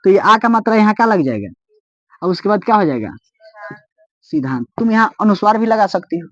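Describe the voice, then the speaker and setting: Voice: mid-range voice, big pitch swings, fairly bright tone, no room sound. A teacher with a Bihari accent giving a step-by-step grammar lesson, repeatedly checking that students follow. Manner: repetitive, keeps asking students whether they follow; explains step by step, patient and drawn-out. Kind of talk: recorded Hindi grammar lesson. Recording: dull, dry lo-fi recording.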